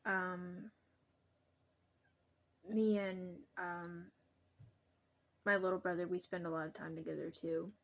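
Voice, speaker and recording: A young adult woman talking casually to her vlog viewers, halting and pausing often mid-sentence. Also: fairly low pitch, flat delivery, fairly bright tone. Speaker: vlogger.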